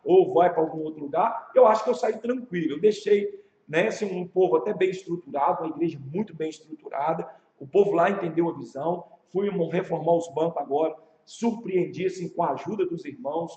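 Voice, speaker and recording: Brazilian man, pastor, animated storyteller, higher voice, echoey room. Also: fast. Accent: Brazilian Portuguese. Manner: animated storytelling with rhetorical questions. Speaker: pastor and leadership teacher. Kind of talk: casual classroom teaching. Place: church classroom. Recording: echoey room, muffled sound.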